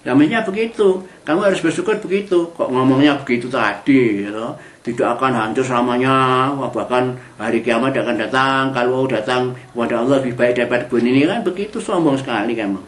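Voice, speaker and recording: Male Quran teacher, slow recitation and then chatty commentary, mid pitch, echoey room. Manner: recites Arabic verses slowly, then explains in chatty colloquial asides. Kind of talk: Quran exegesis lesson.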